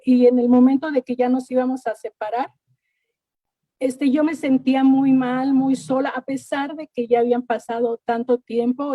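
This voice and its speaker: A woman's voice: high voice, mellow, no room sound. A middle-aged woman giving an earnest church testimony, often repeating words and thanking God. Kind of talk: personal faith testimony.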